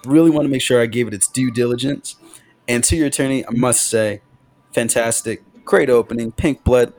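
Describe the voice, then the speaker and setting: A man co-hosting a podcast in casual chat, excitable and quick to swear as he talks. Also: medium pitch, soft background music. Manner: animated, excitable, swears freely. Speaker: podcast co-host.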